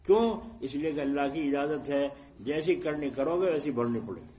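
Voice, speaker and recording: Middle-aged male preacher, fairly high voice, sermon delivered with rhetorical questions and sudden loud bursts. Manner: rhetorical questions to the congregation, acts out scenes with sharp shifts in loudness. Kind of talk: Islamic sermon.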